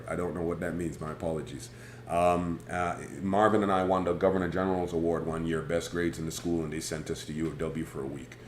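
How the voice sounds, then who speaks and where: On a casual live stream, a male host with a big, booming voice tells a rambling, animated story from his school days. The room is echoey, with faint background noise.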